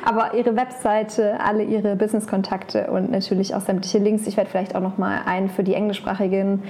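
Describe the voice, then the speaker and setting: A woman's voice: medium pitch, little pitch movement, fairly quick, a little mellow. A woman chatting casually and playfully as a podcast host. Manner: giggly, playful. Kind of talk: casual chat. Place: holiday apartment by the sea. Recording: clearly noisy location recording.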